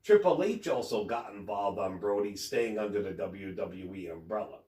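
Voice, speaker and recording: A man's voice: fairly low pitch, animated, normal speed, mellow, recorded from a distance. A man hosting a wrestling news show, reading headlines and quotes in a casual way. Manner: casual, reads quotes in plain voice. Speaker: host. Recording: roomy, off-mic home recording.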